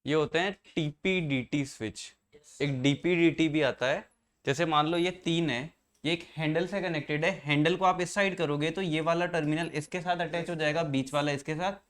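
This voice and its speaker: A man's voice: a little high, a bit bright. A man teaching an engineering class, explaining circuits step by step and quizzing his students as he goes. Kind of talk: classroom lecture.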